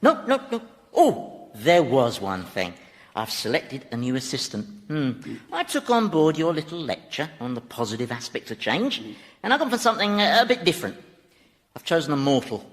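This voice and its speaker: A man's voice: on the high side, very animated, moderate pace. A man playing a sardonic, mischievous Satan in a radio sitcom, chatty and mockingly innocent. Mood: gleeful. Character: gleeful, sardonic male Satan, mischievous ruler of Hell. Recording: hall reverb.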